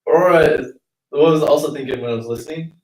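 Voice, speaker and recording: A man's voice: on the high side, quick pace. A young man co-hosting a casual podcast, rambling with lots of fillers. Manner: laid-back, rambling, heavy on fillers. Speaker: podcast co-host. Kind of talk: casual chat. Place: basement. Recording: roomy basement, mic at a distance.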